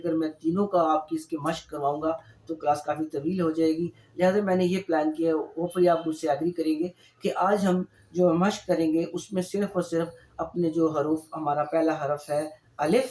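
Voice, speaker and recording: A man's voice: on the high side, steady tone, mellow, roomy sound, rough recording. A man teaching a reading lesson, explaining each rule patiently and addressing his learners as friends. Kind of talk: spoken lesson.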